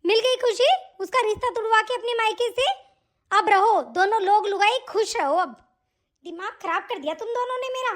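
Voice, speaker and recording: Woman plays hot-tempered young sister: indignant, taunting, very high voice. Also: normal speed, fairly bright tone. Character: young married sister, sharp-tongued and quick to anger. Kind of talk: animated family drama dubbing.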